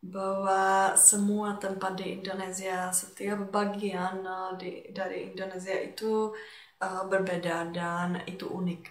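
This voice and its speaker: A Czech vlogger from the Czech Republic talks casually and personally to her viewers in a medium-pitched, fairly flat, unhurried voice with a Czech accent. She often hesitates while hunting for words in a language that isn't her native one, and the room sounds echoey.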